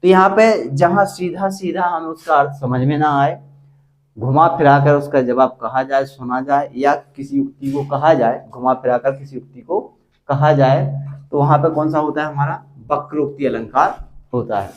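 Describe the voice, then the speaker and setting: A man's voice: on the high side, steady tone. Man teaching at a small board. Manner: slow, explanatory, repeats examples aloud. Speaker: Hindi teacher. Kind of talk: classroom lesson at a board.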